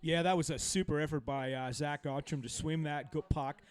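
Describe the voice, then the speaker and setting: A man's voice: fairly high pitch, fairly even intonation, moderate pace, clean tone, no echo. A man co-commentating a live match, rambling with lots of filler and friendly banter. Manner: rambling, many fillers, cheerful banter with co-host.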